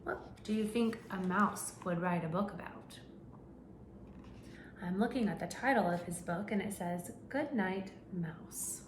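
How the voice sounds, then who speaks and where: A woman teacher with a fairly low, unhurried voice reads a picture book to young children, telling the story with animation and pausing to ask them questions. The room echoes and carries a faint hum.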